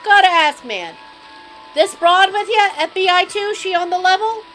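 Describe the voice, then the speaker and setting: A woman's voice: very high voice, moderate pace, fairly bright tone, soft background music, pitched above the performer's own voice, low-quality recording. A woman voicing a sleazy, swaggering middle-aged male mobster with a put-on New Jersey accent, reading game dialogue on a live stream. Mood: leering. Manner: brash, teasing mob-guy drawl.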